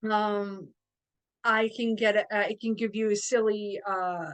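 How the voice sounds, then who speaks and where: A woman chatting as a podcast guest, telling stories in a hesitant way with frequent pauses and fillers. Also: medium pitch, steady tone, low-quality recording. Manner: hesitant, with many fillers and restarts. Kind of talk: casual interview chat.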